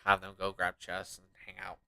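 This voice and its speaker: A man's voice: low voice, monotone, moderate pace, sharp tone, clear, resonant tone, no room sound. Male gamer, casual commentary, grumbling and profane, mutters to himself, dry recording. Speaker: gamer playing and commenting on a game.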